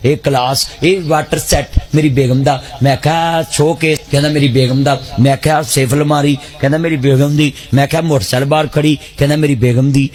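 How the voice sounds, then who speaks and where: A man telling a comic story in rapid repeated lines. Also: fairly high pitch, steady tone, a little mellow, faint music behind. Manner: rapid repetitive list-telling. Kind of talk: stand-up storytelling.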